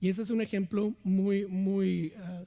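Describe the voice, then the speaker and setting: A young assistant pastor preaching an earnest sermon, often turning to his listeners for agreement. His voice sits very high for a man. The sound rings with a long reverb from a church sanctuary. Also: flat delivery, unhurried, mellow. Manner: earnest, asks the congregation "¿verdad?" often.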